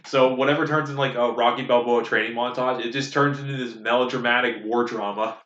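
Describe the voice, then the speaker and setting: A man's voice: mid-range voice, steady tone, brisk, a bit bright. Young guy rambling thru a story, lots of likes and ums, podcast cohost, echoey room, muffled audio. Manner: rambling storytelling full of fillers. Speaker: podcast co-host. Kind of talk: casual chat. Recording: roomy, dull lo-fi sound.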